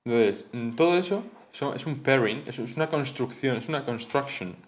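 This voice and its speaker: Young guy going over class notes, chatty and rambly, lots of "¿no?", kinda mid-pitched. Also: animated, moderate pace, slight background noise. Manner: chatty, rambling, with frequent fillers and "¿no?" checks. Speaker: student explaining course material. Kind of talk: casual spoken study lesson.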